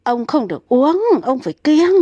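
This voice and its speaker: A woman's voice: high voice, very animated, moderate pace, dark tone, no room sound, highs cut off, pitched above the performer's own voice. A woman voicing a fussing elderly wife who nags and scolds insistently. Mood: nagging.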